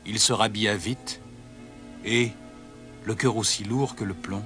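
A man narrating a children's storybook in a dramatic, expressive way. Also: fairly low pitch, measured pace. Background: music.

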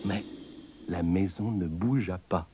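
A man reading a fairy tale aloud, with expressive storytelling. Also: low voice, slow, noisy background.

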